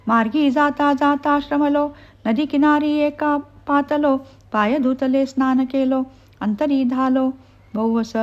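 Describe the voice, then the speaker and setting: A woman reciting devotional verse in a measured, chant-like way, now and then correcting a word. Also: high-pitched, dull audio. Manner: measured, chant-like delivery with occasional self-corrections. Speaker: devotional text reader.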